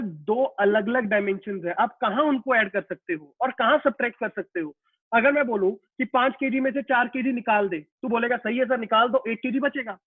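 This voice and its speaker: A man's voice: very high-pitched, husky, dry recording. A male physics teacher giving a live online lecture, asking questions and answering them himself, calling students "beta" and explaining with everyday examples. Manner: asks and answers his own questions, calls students "beta". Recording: tinny phone-like dry sound.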